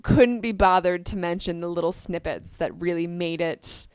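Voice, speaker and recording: A woman in a casual two-person chat who retells scenes with lively emphasis. Her voice is smooth and clear, a little low for a woman, recorded close and dry. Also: normal speed, no room sound. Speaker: co-host. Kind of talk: casual discussion of book versus film.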